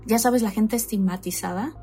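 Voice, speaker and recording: A woman's voice: mid-range voice, normal speed, dark tone, faint music behind. A woman in casual chat, thinking aloud with many restarts. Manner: reflective, hesitant with restarts.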